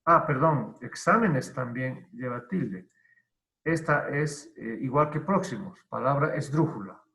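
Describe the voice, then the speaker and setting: A male teacher giving an online grammar lesson, who explains deliberately, repeats key terms and asks and answers his own questions. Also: mid-range voice, animated, sharp tone. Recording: roomy, dull lo-fi online class audio.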